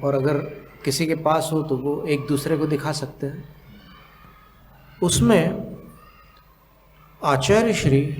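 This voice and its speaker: A monk giving a sermon, explaining slowly with long pauses, asking the audience questions and chanting scriptural verses in a drawn-out cadence. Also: male voice, on the high side, slight background noise. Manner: asks the audience questions to teach. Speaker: monk giving a religious discourse.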